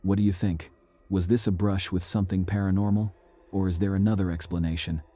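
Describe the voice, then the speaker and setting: A man giving a measured, ominous scripted narration of eerie true stories. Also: low voice, level tone, mellow.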